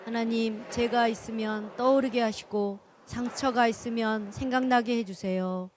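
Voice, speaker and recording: A congregation, led by women's voices, reads a short prayer aloud in unison. It is heard from far off in a large church hall. The voices sit fairly high, with faint noise behind them. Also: female voice, steady tone, normal speed, darkish tone. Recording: distant congregation in a reverberant hall.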